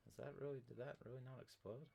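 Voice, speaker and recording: A man's voice: mid-range voice, fairly even intonation, quick pace, vocal fry, dark tone, slight background noise. A man chatting casually while playing a video game, joking and exclaiming at the action. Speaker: gamer playing on stream. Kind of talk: casual let's-play chat.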